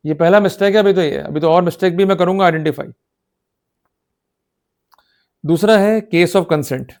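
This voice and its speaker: Brisk and a little mellow, this man's voice sits high. As a law lecturer, he delivers an explanatory talk mixing Hindi with English legal terms, pressing his points emphatically, exhorting listeners, and often confirming they follow.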